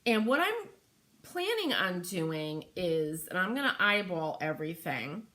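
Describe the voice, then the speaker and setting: Speaking in a low-leaning, sing-song voice that's slightly bright and measured, a middle-aged woman hosts a craft stream from her home workroom next to an open window. She chats with viewers by name and thinks out loud while stenciling, keeping the talk casual and friendly.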